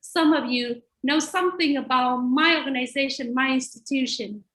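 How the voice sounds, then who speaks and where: Over a video call, a Vietnamese teacher educator, a native speaker with a Vietnamese accent, gives an earnest webinar presentation with slides. Her high-pitched, fairly bright voice moves at a moderate pace, and the room sounds echoey.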